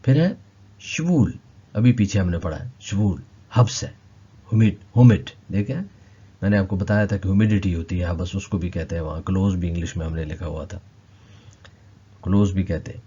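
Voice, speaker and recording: Man, language teacher, low husky voice, slow repeated words, lo-fi sound. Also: dark tone. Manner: slow, repeats each word several times. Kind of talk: explaining vocabulary lesson.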